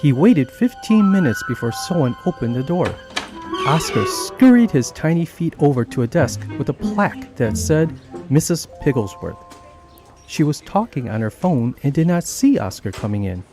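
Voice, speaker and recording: Guy reading a kids storybook, lively voice going up and down, music in the back. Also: a little high, moderate pace. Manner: animated, expressive reading. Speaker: narrator. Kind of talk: storybook narration. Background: background music.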